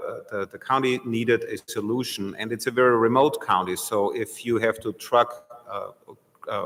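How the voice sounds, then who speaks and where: A man explaining as a panelist, measured and a bit hesitant, in a large reverberant room. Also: lowish voice, fairly bright tone, slight background noise. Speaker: panelist from a project developer. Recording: echoey hall with long reverb.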